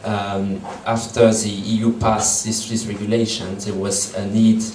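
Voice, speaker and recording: Low-ish and darkish, this man's voice holds a level tone and measured pace as he gives a hesitant talk, full of ums and restarts, to a meeting-room audience. He's in his thirties, speaks with a French accent, and his first languages are French and Portuguese. The sound comes from a distant room camera, echoey with slight background noise.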